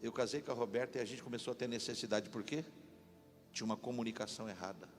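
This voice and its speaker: A man pastor preaching a lively sermon in a church, leading the congregation to repeat after him. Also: medium pitch, fast. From Brazil. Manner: animated, call-and-response with congregation. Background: instrumental music.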